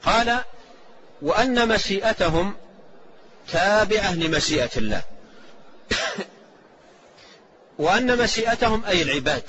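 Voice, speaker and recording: Measured man teaching a creed lesson. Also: high voice, animated, bright, forceful tone, slightly rough. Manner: measured, repeats key phrases for emphasis; recites quoted scripture and hadith. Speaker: sheikh teaching a creed text. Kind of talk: lecture explaining a classical text. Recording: slightly dull lo-fi recording with faint hiss.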